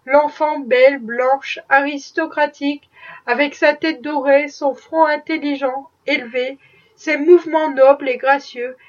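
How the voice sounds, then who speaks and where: A woman reading a classic novel aloud in a measured, expressive way. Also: high-pitched. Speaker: audiobook reader. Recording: dull distant recording.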